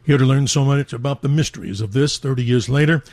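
A man's voice: medium pitch, fast talker, darkish tone, no room sound. A man hosting a talk radio show with an effusive, promotional announcer delivery, speaking into a studio microphone. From New York metro area.

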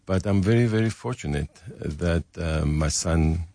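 In a radio studio, a Greek restaurateur in his seventies chats casually as an interview guest, telling his story with joking self-deprecation. His voice sits low and dark, at a measured pace, with no echo.

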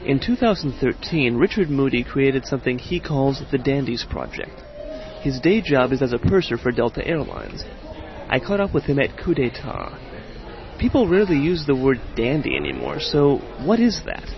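A man's voice: mid-range voice, very animated, moderate pace, lo-fi sound, noisy background. A male radio reporter telling a feature story and interviewing people, with a wry, conversational delivery.

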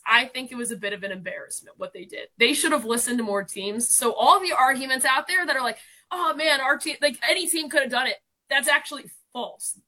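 A woman's voice: on the high side, bright, forceful tone. A woman in her twenties, a guest on sports radio, giving confident, emphatic baseball analysis and explaining things plainly. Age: 20s.

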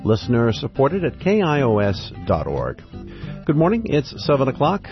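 A man's voice: mid-range voice, huge pitch swings, normal speed, soft background music. Man on a tinny clock radio. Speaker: radio station announcer. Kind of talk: station identification.

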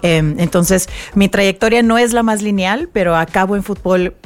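A woman from Mexico with a Mexican accent, speaking as a guest on a radio interview, thoughtful and unhurried, with many fillers. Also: medium pitch, faint music behind. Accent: Mexican Spanish. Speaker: guest, nonprofit executive director.

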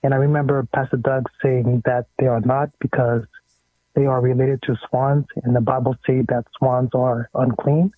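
A man's voice: medium pitch, level tone, moderate pace, no echo. A male caller on a radio show, politely putting a careful question to the host over a phone line. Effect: phone line call-in voice.

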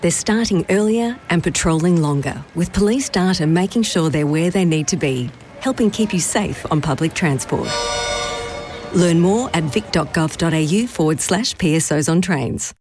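Lively, lower-pitched woman announcer. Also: normal speed, faint music behind. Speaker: voice-over announcer. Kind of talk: scripted advert announcement.

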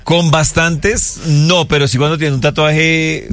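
A man's voice: a little high, little pitch movement, unhurried, fairly bright tone, soft background music. A man chatting candidly as co-host, joking at his own expense. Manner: candid, chatty, self-mocking. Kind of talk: casual chat.

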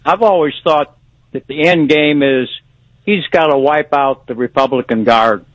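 A man's voice: a little high, no echo. Older man calling in on a phone line. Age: 70s. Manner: halting, repeats words and restarts. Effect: caller heard over a phone line on a radio show. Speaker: radio show caller. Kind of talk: casual call-in chat.

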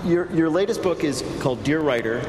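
An American man hosting a casual, joking live interview, sometimes halting and repeating the starts of words. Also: on the high side, expressive. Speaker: host interviewing a guest on a comedy radio show. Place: live show on stage in a hall. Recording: echoey hall, audience and noise behind.

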